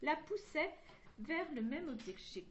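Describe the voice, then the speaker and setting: A woman's voice: high-pitched, expressive, a little slow, a bit bright, lo-fi sound, a little hiss or hum. A woman reading a chapter of a children's novel aloud, voicing each character in turn, with occasional slips and restarts. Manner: reads all characters in one voice, with slips and restarts. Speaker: reader of a children's story.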